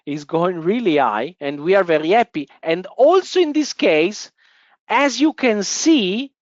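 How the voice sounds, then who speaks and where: An animated, unhurried man with a voice that sits high hosts a live stock-investing webinar, speaking Italian-accented English peppered with fillers and restarts. Originally from Italy, he's in an office in Switzerland's Italian region, and the recording is dull with no room sound.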